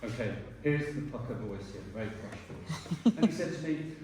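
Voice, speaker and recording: A man, a retiring teacher giving a rambling speech at a dinner and often clearing his throat. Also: medium pitch, expressive, moderate pace. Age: 60s. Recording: echoey hall from far off, noisy.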